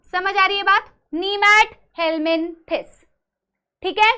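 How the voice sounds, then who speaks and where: A woman with a very high, bright voice leads an online biology lesson. She drills each term slowly and keeps asking her students to repeat after her. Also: animated. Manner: slow drilled pronunciation, asks students to repeat. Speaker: biology teacher. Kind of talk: online class lecture.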